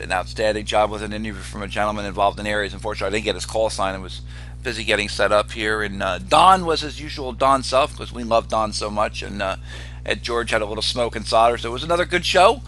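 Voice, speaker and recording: A man casually hosting a ham radio net as its control operator, with a halting delivery full of pauses. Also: lowish voice, fairly bright tone, poor audio. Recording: noticeable hum and background noise.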